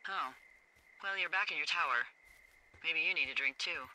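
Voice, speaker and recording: A woman's voice: deep voice, sharp tone, a little hiss or hum, poor audio. An actress voicing a wry, teasing female fire lookout speaking over a radio walkie-talkie. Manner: teasing, quick-witted, a bit tipsy. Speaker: game character.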